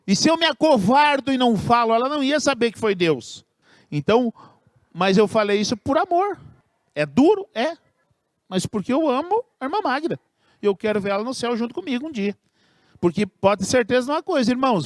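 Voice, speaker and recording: A pastor preaching a sermon in an earnest, emphatic way, slowing down to stress key phrases. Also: male voice, very high-pitched, dry recording, clean studio sound.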